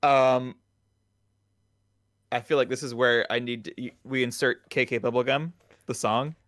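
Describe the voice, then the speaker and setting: A man's voice: mid-range voice, fairly even intonation, a little slow, fairly bright tone. A man co-hosts a casual gaming podcast, joking around with goofy asides. His voice is recorded close and dry, without any room echo. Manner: playful, jokey, goofy asides. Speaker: podcast co-host.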